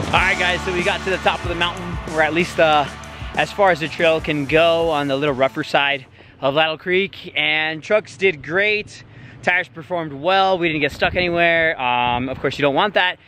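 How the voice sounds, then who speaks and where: A man's voice: on the high side, moderate pace, over music. A man vlogging casually on a mountain trail, a bit out of breath and rambling with fillers. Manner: laid-back, rambling with fillers. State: a little out of breath. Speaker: off-road vlogger. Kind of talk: casual outdoor vlog talk.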